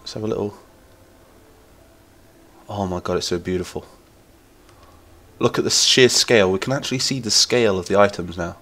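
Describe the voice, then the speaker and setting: His voice is lowish, pushed and bright, moving at a normal pace with frequent pauses. He's an Englishman from Lincolnshire, nasal from a cold, rambling enthusiastically through casual live-stream chat while gaming and reading the chat aloud.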